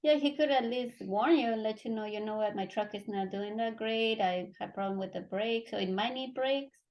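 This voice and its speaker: Woman hosting a faith podcast, kinda higher voice, keeps agreeing. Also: moderate pace, dull audio. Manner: affirming, many short backchannels. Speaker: host. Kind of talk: casual faith talk.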